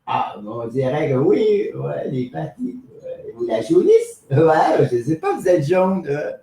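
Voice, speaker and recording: A man voicing a rambling, boastful, cranky old man on an improvised comic live stream, insulting people and jumping into squeaky highs. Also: wildly swooping pitch, takes it slowly, warm tone, roomy sound, heavily acted.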